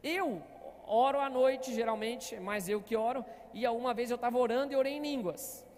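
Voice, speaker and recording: A man's voice: very high voice, moderate pace, darkish tone, long reverb tail, slight background noise. A man preaching as pastor, telling stories and often asking the congregation to answer back. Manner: storytelling, often asking the congregation "Amém, amados?". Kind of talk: sermon. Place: church hall.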